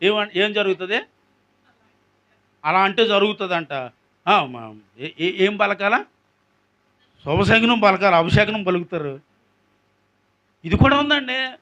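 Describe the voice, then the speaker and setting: A man's voice: high voice, expressive, unhurried, long pauses, pushed and bright, highs cut off. A male pastor preaching a sermon, prompting the congregation to answer back.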